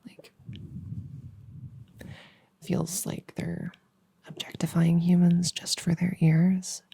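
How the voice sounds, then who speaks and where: Casting: a woman to play an awkward, soothing elf girl, soft-spoken ear cleaning ASMR role-play, mellow and lowish, unhurried rambling delivery. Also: heavily acted. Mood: awkward, curious. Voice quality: breathy, soft. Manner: hesitant, rambling, gently soothing. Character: nerdy, friendly, awkward young female elf cleaning ears.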